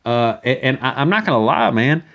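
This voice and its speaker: A man with an average-pitched voice rambles through a profane comic monologue. He is crude and foul-mouthed, often stammering and repeating words as he gets to his point. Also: animated, a little fast, a bit bright, highs cut off.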